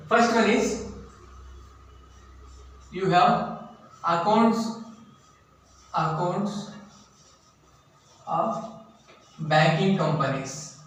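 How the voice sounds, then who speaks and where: A man giving a college classroom lecture, deliberately repeating items for note-taking, recorded from a distance in an echoey room. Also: high-pitched, a bit bright. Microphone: distant from the speaker. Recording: echoey room, distant mic, faint noise.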